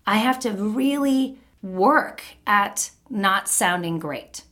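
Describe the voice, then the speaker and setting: A middle-aged woman and voice actor chatting casually, with a sweet, smooth voice and crisp enunciation. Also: mid-range voice, animated, takes it slowly, a bit bright. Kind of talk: casual chat.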